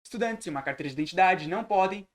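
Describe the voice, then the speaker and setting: A man teaching a recorded lesson, translating sentences phrase by phrase and repeating words slowly. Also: sits high, animated. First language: Portuguese. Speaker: English teacher.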